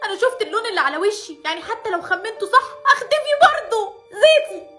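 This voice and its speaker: High, bright, fast Egyptian woman storyteller. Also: faint music behind. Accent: Egyptian Arabic. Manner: dramatic, exclamatory, quick comic reactions. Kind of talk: animated cartoon story voice-acting.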